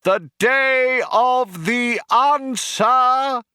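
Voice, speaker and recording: A man voicing a grandiose male orator who declaims loudly to a cheering crowd. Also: very high-pitched, drawn-out words, clean tone, dry recording, clean studio sound, pitched above the performer's own voice, heavily acted. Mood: proclaiming. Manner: declaiming loudly over a tannoy.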